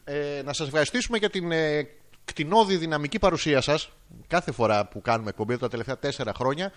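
A man's voice: fairly high pitch, animated. A man co-hosting a casual comedy podcast, crude and playful in an emptied, echoey room. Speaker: podcast co-host.

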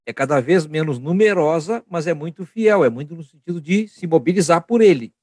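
A man's voice: a little high, lively intonation, fairly quick, darkish tone, no room sound. A man in a casual podcast chat, arguing firmly and repeating his points for emphasis. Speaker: podcast co-host.

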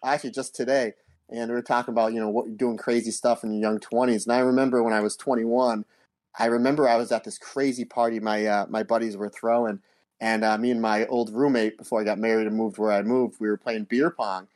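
A man talks casually as a podcast co-host in an average-pitched voice. He rambles through his points in a folksy, joking way. The recording is dry, without room sound. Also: flat delivery, fairly quick, a little mellow, no echo. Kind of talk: casual chat, anecdotes.

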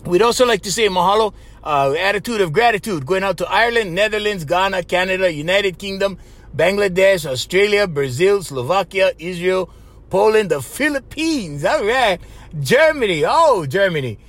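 A man's voice: high-pitched, animated, moderate pace, a bit bright. A man with a Hawaiian Pidgin accent hosting a podcast, chatting casually and animatedly, laughing often and repeating himself. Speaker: podcast host. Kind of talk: casual chat.

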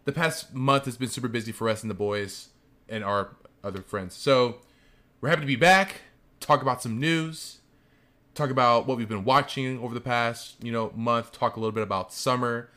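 A man's voice: medium pitch, normal speed, pushed and bright. Upbeat man hosting a podcast. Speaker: podcast host. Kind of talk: casual podcast chat.

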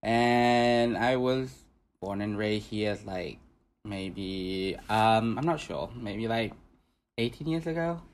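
A man's voice: on the low side, slow, a little hiss or hum. A young man from Vietnam who performs drag, speaking as a guest in casual chat, joking and loose with lots of fillers.

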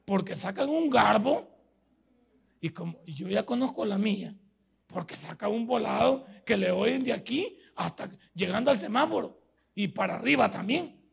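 A man's voice: very high voice, creaky, slightly rough. A man with a Salvadoran Spanish accent, a pastor preaching a sermon in a folksy way, full of everyday stories from home.

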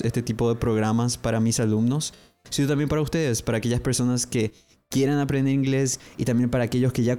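A young man teaching English on a podcast, explaining phrases and slowly repeating each model pronunciation twice. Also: medium pitch, mellow. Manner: explanatory, addresses listeners directly. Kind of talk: podcast language lesson.

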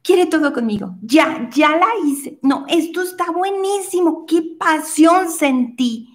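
A woman voicing an eager, lovestruck young woman who talks with giddy excitement. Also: high voice, takes it slowly, heavily acted.

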